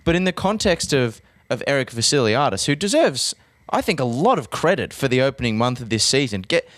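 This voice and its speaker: A quick, animated Australian man riffs on football with a joking edge. His voice is mid-pitched and recorded close and dry, with no room sound. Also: no room sound. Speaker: podcast co-host, football pundit. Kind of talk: casual podcast chat.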